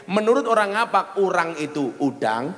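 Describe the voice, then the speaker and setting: This man's voice sits high and has a fairly bright tone, and he is very animated while keeping a moderate pace. Speaking with a Javanese accent, he preaches a jokey sermon to an audience in a large venue, alternating Javanese and Indonesian and acting out story voices amid big-room sound.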